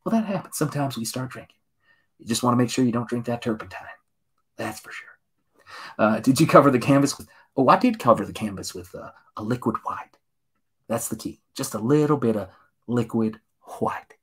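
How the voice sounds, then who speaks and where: Guy from tennessee painting on stream, husky soft voice, keeps going quiet and whispery, easy calm patter. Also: mid-range voice, fairly quick. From Tennessee, USA. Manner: soft, gentle encouraging patter, often sliding into a hushed whisper. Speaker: artist streaming live. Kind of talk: soothing painting-show patter, live stream.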